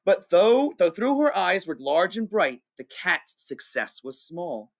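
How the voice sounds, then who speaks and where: A man, a teacher, reading a rhyming picture book aloud with an expressive, sing-song delivery. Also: high voice, a little slow.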